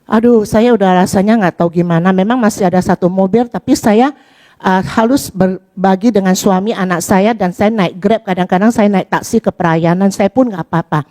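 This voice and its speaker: A woman's voice: mid-range voice, moderate pace, mellow. A woman from Indonesia giving a personal testimony in a chatty storytelling way, acting out the dialogue. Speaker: church member giving testimony.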